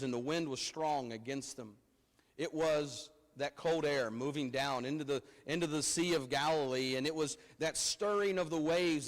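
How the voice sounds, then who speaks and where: A man preaching a sermon at a pulpit microphone in a church, in a conversational way with frequent repeated words. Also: fairly high pitch. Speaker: pastor. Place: church sanctuary. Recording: long reverb of a church hall.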